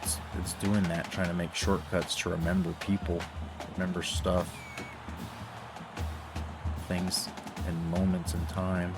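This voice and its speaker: A man's voice: low voice, little pitch movement, measured pace, long pauses, music in the background. A man casually commenting while playing a football video game, rambling and swearing between mock play-by-play calls. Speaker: gaming streamer.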